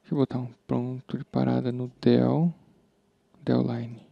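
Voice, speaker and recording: A man's voice: medium pitch, little pitch movement, unhurried, gravelly, no echo. A man with a Brazilian accent teaching programming in a casual screen-recorded tutorial, chatty and informal, thinking aloud as he works. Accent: Brazilian Portuguese. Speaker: programming instructor. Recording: dull, slightly lo-fi sound.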